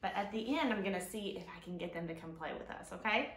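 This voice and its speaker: A woman in her thirties, a children's librarian, hosts storytime for young children from her living room. Her medium-pitched voice is expressive and simple, drawing out key words. A camera a few feet away gives the sound a roomy quality.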